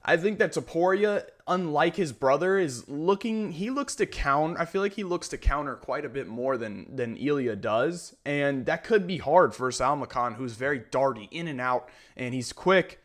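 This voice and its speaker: A man's voice: fairly high pitch, animated, moderate pace, few pauses. A young man hosting a solo fight-prediction video, talking casually and candidly with plenty of fillers and restarts. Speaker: MMA fight predictions host.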